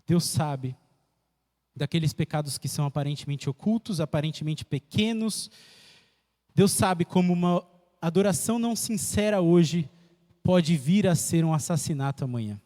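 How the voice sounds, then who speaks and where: Pastor preaching hard, highish voice, lots of repeating, echoey church. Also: male voice, normal speed. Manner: emphatic preaching with repetition and sharp pitch swings. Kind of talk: sermon. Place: church sanctuary.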